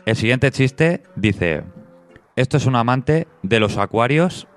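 A man co-hosting a podcast who tells a joke slowly and deadpan in casual chat. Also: medium pitch, faint music behind. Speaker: podcast co-host.

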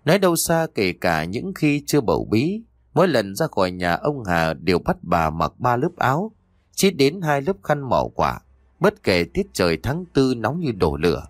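A man narrating a village story aloud in an expressive storytelling manner. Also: medium pitch, moderate pace, no echo, studio quality. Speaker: audiobook narrator.

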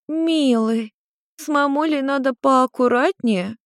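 A woman's voice: high-pitched, slow pace, dry recording, clean studio sound, voice pushed up. A woman voicing a middle-aged witch mother who is tipsy and teasing, drawling her words in a slurred, playful way.

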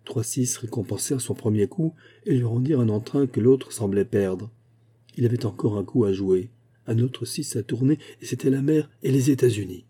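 Male audiobook narrator, measured and expressive, very dark husky voice. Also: medium pitch. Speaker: audiobook reader.

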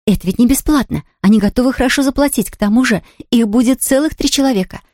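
A woman reading aloud, voicing an eager, chatty young girl who talks in quick exclamations. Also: a little high, darkish tone, dry recording, studio quality, pitched above the performer's own voice, natural voice. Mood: excited. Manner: breathless, rapid, exclamatory.

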